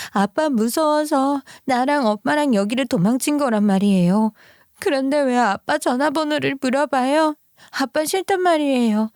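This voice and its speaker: A woman's voice: high voice, dry recording, studio quality, pitched above the performer's own voice. A woman voicing a poor, timid nine-year-old girl who pleads through tears. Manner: pleading, sobbing childlike tone.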